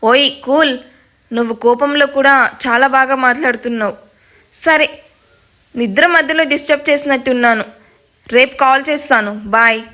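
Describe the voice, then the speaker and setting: A woman's voice: high voice, steady tone, moderate pace, long pauses, bright, forceful tone. Cheeky young man on the phone, playful and teasing, read by a woman narrator.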